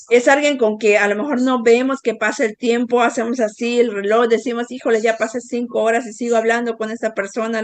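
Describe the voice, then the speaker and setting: Woman speaker with a fairly high voice, dry close sound, patient explainer who keeps asking for agreement. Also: dry recording. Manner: explanatory, asks the audience for agreement; uses diminutives. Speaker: speaker giving a talk. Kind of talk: motivational talk.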